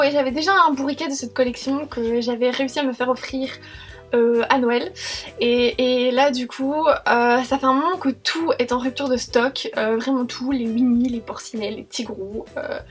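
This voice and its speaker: A young woman talks through her purchases in a loose, rambling vlog, full of fillers and restarts. Her voice sits high. Light music plays faintly behind her. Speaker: vlogger. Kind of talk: casual haul vlog.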